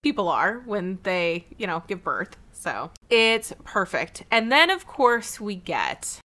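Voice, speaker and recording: A woman with a bright, ringing voice recaps a cartoon episode for her podcast. Her pitch swings freely as she tells the story with quick asides and laughs, in a casual, chatty style. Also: big pitch swings. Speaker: podcast co-host.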